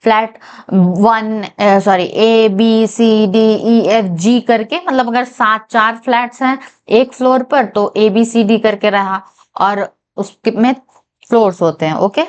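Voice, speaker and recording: Woman tutor, fairly high voice, unhurried and patient, works through puzzles at a board. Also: fairly even intonation, smooth. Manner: slow, careful reading of English statements, checks in with viewers. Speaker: reasoning tutor for bank exams. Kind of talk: whiteboard lesson, Hindi mixed with English.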